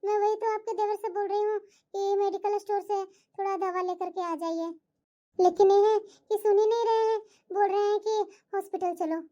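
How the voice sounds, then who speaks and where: Woman voicing a sweet shy young bahu in a cartoon, polite, very high voice. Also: flat delivery, moderate pace, mellow, lo-fi sound. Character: young daughter-in-law, modest and sweet. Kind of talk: cartoon voice acting.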